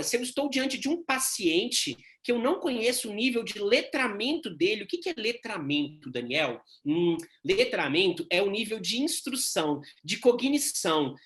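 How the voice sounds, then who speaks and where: A man, teaching nursing students in a quick, animated lecture full of tag questions. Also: high voice. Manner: fast-talking, frequent tag questions, animated. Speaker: nursing instructor. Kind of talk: recorded lecture.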